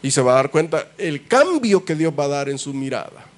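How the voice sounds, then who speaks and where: A man's voice: fairly high pitch, sing-song, brisk. A man, a pastor preaching a sermon in a church, speaking emphatically to his congregation and posing rhetorical questions. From El Salvador.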